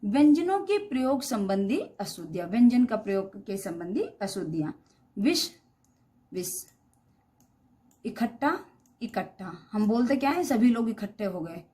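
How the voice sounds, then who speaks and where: A woman's voice: mid-range voice, sing-song, moderate pace, mellow. A woman teaching Hindi spelling, saying each word twice and asking the class questions. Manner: reads each word twice, wrong then correct, with quizzing questions; addresses students as beta. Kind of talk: classroom lesson on spelling errors.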